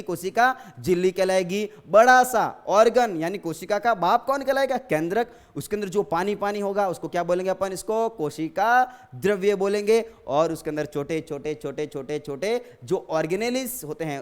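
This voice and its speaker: A man's voice: high-pitched, lively intonation, brisk, few pauses, clean tone. A male teacher giving a science lesson, asking questions and answering them himself while repeating key terms and addressing the students fondly. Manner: repetitive, drilling terms.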